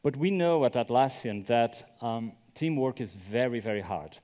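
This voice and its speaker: Here a conference speaker from Brazil talks at a normal speed in a mellow, mid-range voice. He keeps things casual, frequently tossing "right?" to the crowd, and the sound has an echoey hall quality.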